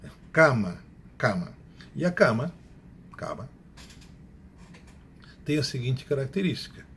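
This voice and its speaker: A man's voice: medium pitch, sing-song, vocal fry. Guy teaching a grammar class, medium voice, explains step by step, faint hiss behind. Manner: explanatory, repeats examples slowly, self-corrects. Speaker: Spanish teacher.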